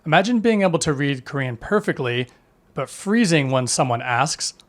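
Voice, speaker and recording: A language teacher narrates a scripted lesson at a moderate pace, even and instructive in manner. His voice sits a touch above the typical male pitch, and he delivers each point steadily, like a prepared explainer.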